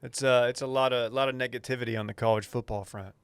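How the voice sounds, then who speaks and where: A man's voice: medium pitch, fairly even intonation, quick pace, clear, resonant tone, no echo. An American man hosting a sports podcast with casual, teasing banter.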